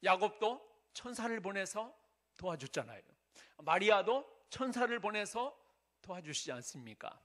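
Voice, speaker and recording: A male pastor with a high, somewhat bright voice delivers an earnest sermon in a church sanctuary. He keeps it conversational, putting rhetorical questions to the congregation.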